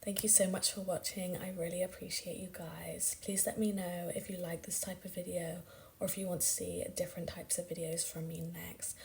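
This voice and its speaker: A young woman chatting through a lifestyle vlog voice-over, her lowish voice often sliding into a soft, breathy whisper. She sounds chatty and enthusiastic, full of casual fillers, with a faint hiss behind her. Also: level tone, normal speed. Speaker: beauty vlogger.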